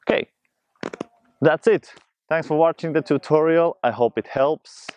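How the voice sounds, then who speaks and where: A man explaining a juggling trick in a casual spoken tutorial, talking fast and a lot in a friendly, joking way. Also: a little high, highs cut off. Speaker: juggling instructor. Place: indoors, filmed by a friend on camera.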